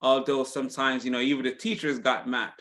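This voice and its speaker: In an interview conversation, a male podcast host keeps affirming his guest while dropping plenty of ums and uhs. He talks a little fast in a level, mid-range voice with a fairly bright tone.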